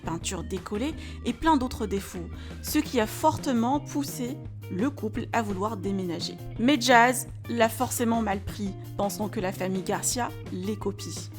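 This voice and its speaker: A woman narrating celebrity gossip news in a brisk, matter-of-fact scripted read. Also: medium pitch. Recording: narration over loud background music.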